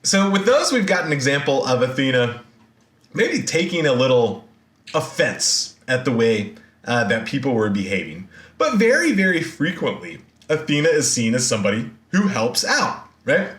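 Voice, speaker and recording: A man giving a recorded university lecture, retelling a myth in a slangy, animated way with lots of fillers. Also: mid-range voice, moderate pace, roomy sound.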